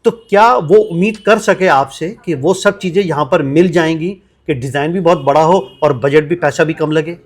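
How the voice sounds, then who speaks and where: A man's voice: a little high, moderate pace, few pauses. A man hosting a promotional interview, upbeat and prompting, echoing his guest's answers.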